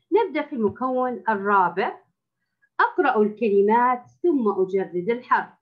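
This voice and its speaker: A woman teaching a first-grade reading lesson, stretching out sounds and words slowly and repeating them patiently for young pupils. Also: mid-range voice. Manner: addresses the class as girls, with patient repetition. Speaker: primary school teacher. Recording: dull lo-fi recording.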